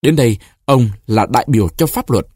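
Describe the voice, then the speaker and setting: Expressive husky male story narrator. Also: mid-range voice, no room sound, studio quality. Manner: expressive, deliberate reading. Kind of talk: short-story audiobook narration.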